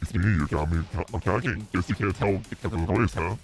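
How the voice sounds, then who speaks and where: A man voicing a cocky young man who disguises his voice with a voice changer, in a smug, taunting, unhurried manner. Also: low voice, vocal fry, slightly rough, soft background music, pitched below the performer's own voice, full character voice. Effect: voice changer mimicked by the performer's own voice. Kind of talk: let's play character voicing.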